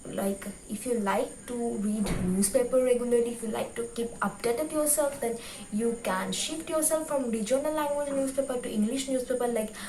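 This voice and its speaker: With a mellow, fairly high voice at normal speed, this young YouTube host from West Bengal offers casual advice, frequently restating her points. She has a Bengali Indian accent as a native Bengali speaker. The distant mic sounds roomy, with faint noise.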